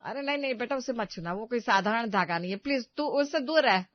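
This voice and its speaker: A woman's voice: a little high, lively intonation, fairly quick, no room sound, muffled recording, lightly acted. A woman voicing an older mother-in-law in a cartoon story, scolding but affectionate. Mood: coaxing.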